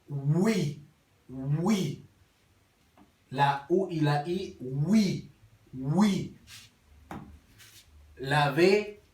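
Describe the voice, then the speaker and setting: A man teaches letter sounds at a very slow, halting pace, repeating each one several times. His voice sits a little high for a man. He sounds set back from the mic in a roomy, echoey space. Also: darkish tone, recorded from a distance. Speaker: language teacher. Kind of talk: slow alphabet pronunciation lesson. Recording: roomy echo, speaker away from the mic.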